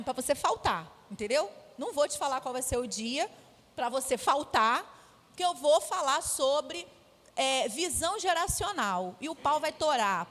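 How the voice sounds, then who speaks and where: Woman preacher, Brazilian Portuguese accent, high voice, firm and emphatic, echoey church hall. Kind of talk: sermon. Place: church sanctuary.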